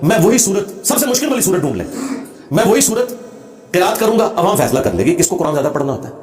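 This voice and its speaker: Quick, high-voiced emphatic male preacher. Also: very animated, a little mellow, echoey room. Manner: emphatic and combative, demonstrates Arabic recitation. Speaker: religious speaker. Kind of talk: lecture answering a question.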